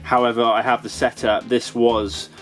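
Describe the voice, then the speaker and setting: Man, garage build vlogger, plain mid-pitched voice, music bed underneath, dry self-mocking asides. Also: flat delivery, normal speed, a bit bright. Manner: matter-of-fact, self-deprecating. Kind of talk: narrating a workshop build. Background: music in the background.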